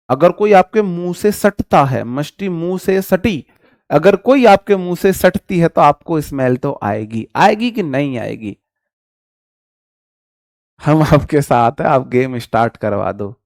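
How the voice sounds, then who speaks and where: A man's voice: fairly high pitch, darkish tone, no room sound, clean studio sound. A man teaching vocabulary in a live online lesson, chatty and joking, calling his viewers brother.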